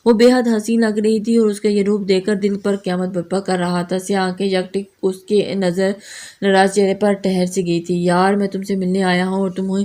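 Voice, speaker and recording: A woman reading a romance novel aloud as storybook narration, measured and unhurried. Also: medium pitch, warm tone. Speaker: novel reader.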